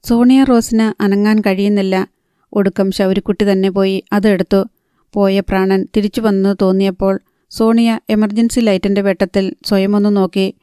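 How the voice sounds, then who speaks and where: A woman narrating a novel in a calm, even storytelling manner. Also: mid-range voice, normal speed, clean tone, dry recording, studio quality. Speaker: audiobook narrator.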